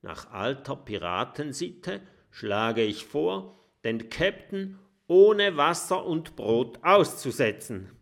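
A man's voice: mid-range voice, sing-song, slow pace, creaky, a bit bright, pitched above the performer's own voice, exaggerated voice. A man doing a bellowing pirate captain. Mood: domineering. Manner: bellowing commands. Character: gruff scheming male pirate captain.

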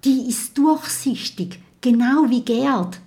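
A woman voicing a brave, quick-thinking little boy dragon who gives urgent orders. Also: high-pitched, mellow, pitched above the performer's own voice. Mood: whispering. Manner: urgent, bossy when giving orders.

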